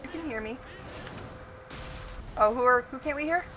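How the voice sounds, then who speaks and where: A woman streaming a team game, chatting casually with friends, playful and goofy, often laughing and shouting. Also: high-pitched, normal speed, faint music behind. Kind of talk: casual gaming chat with friends.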